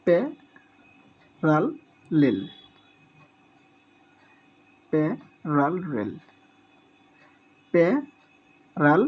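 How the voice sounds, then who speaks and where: A teacher giving a spelling lesson, sounding out each word syllable by syllable and repeating it several times. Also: mid-range voice. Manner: drills words by repeating them syllable by syllable. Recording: dull lo-fi recording.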